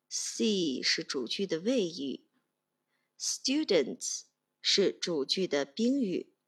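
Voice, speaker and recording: Slow, husky woman teaching grammar. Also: on the low side. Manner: methodical, spells out stress and vowels, repeats each word twice. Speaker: English teacher. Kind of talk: slow, deliberate grammar lesson.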